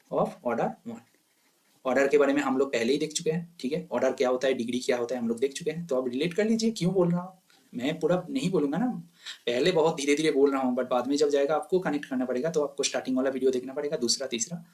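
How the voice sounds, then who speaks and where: A man's voice: mid-range voice, a little mellow. A man teaching a maths lecture, asking questions and answering them himself, mixing in English terms. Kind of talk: lecture to exam students.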